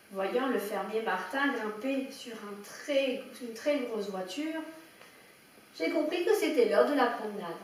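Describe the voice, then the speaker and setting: A woman storyteller reading a children's picture book aloud with lively expression. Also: high voice, slight background noise. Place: indoor room at a public story reading. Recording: echoey room, heard from a distance, faint background ambience.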